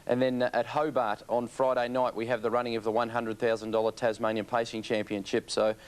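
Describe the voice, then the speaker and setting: A man's voice: medium pitch, little pitch movement, brisk, clean tone. An Australian man giving race analysis as a harness racing pundit on television.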